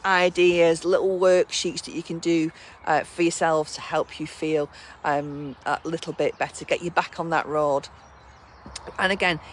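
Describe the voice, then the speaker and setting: A British woman hosting a casual live wellbeing chat outdoors, gently instructive and encouraging, checking in with listeners as she talks. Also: sits low, a little hiss or hum. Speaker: wellbeing live-stream host. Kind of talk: casual chatty live talk with wellbeing tips. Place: outdoors on a balcony.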